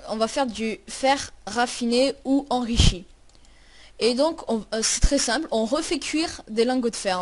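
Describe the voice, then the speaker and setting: A woman hosting a casual game tutorial, chatty and full of hesitations. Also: a little high. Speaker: tutorial host.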